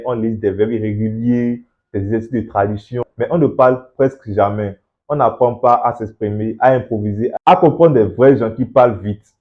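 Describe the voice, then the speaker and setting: A man hosting an English-learning channel, giving a motivational talk straight to the viewer, encouraging and full of rhetorical questions, repeating words to stress a point. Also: medium pitch. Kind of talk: motivational talk to camera, addressing the viewer directly. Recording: slightly dull, lo-fi sound.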